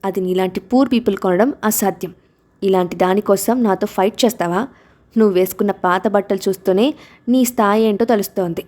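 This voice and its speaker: A woman's voice: mid-range voice, a little fast, a little mellow, close to an everyday voice. Woman reading as a spoiled, arrogant rich little girl. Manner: haughty, taunting.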